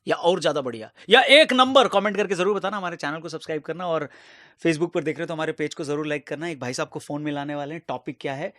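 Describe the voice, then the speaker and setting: A male radio host talks very quickly in a slightly high voice. He casually introduces a show to his audience, recorded close and dry in a studio. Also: pushed and bright, no echo.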